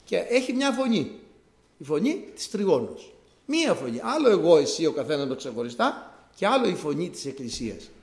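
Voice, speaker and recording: Male preacher, animated and fairly high-pitched, explaining scripture with repetition, in an echoey church. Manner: explanatory, conversational, repeats key words for emphasis. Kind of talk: sermon.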